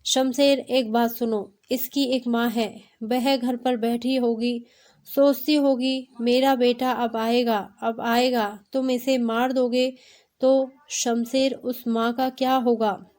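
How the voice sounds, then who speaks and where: A woman's voice: a little high, flat delivery, slow, darkish tone. A woman reading the lines of a stern, fatherly army colonel in a storybook tale. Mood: admonishing.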